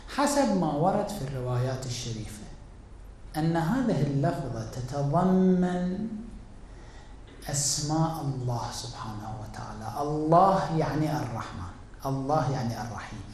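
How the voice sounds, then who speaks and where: Male cleric lecturer, measured, self-questioning delivery with sharp swings between loud emphasis and quiet; heavy hall reverb. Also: on the high side, a little hiss or hum. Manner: deliberate, halting, asks and answers own questions; swings between raised emphatic and hushed tones. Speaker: cleric teaching Quran exegesis. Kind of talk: religious lecture. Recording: very echoey hall.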